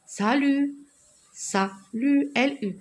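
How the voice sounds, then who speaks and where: Give me a woman teaching young children to read, slow and patient, with a fairly high voice. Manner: slow, careful, repeats words and sounds letters out. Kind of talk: reading lesson for young children.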